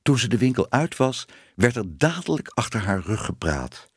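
Male audiobook narrator for children's fiction, animated delivery, dry booth sound. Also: medium pitch, moderate pace, slightly rough, no echo. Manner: expressive, varied reading. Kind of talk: scripted narration of a children's book.

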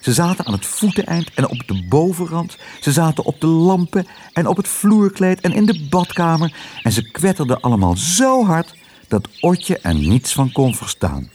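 Man reading a kids' storybook out loud, voice swings all over, really lively. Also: a little high, normal speed, a little hiss or hum. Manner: expressive storytelling. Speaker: narrator. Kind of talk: children's audiobook reading.

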